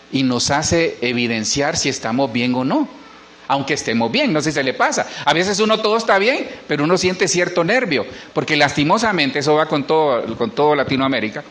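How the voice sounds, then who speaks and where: A man's voice: a little high, fairly bright tone. A middle-aged man, a pastor preaching a sermon in church and asking the congregation questions. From Honduras.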